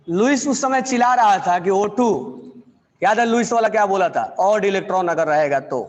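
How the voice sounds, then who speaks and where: High-voiced male chemistry teacher. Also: long reverb tail, lo-fi sound. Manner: dictates slowly, repeats phrases, quizzes students. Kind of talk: classroom lecture dictating notes.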